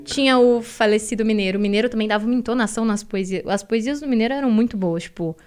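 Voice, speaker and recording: A woman's voice: a little high, quick pace, a little mellow, clean tone. A young woman, a poet guest telling stories in a casual podcast chat, animatedly quoting herself.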